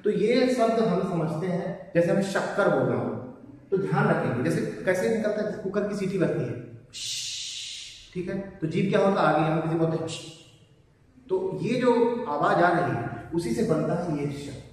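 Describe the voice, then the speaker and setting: A male teacher with a high voice explains step by step, asking questions and answering them himself. He sounds far from the mic in a bare room with a strong, long echo. Faint noise hums underneath. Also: animated, normal speed. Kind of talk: classroom lesson on Hindi pronunciation.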